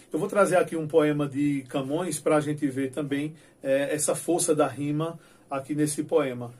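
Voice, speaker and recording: A man from Brazil teaching a poetry video lesson, his voice sitting a little high for a man. He talks in a chatty, playful way and recites verses with a rising, declamatory lift. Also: a little mellow.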